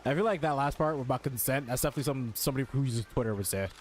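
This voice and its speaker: A gamer reacts to a story quest with casual, profane commentary, joking in slang. His mid-range voice is rapid-fire, with slight background noise and faint game music.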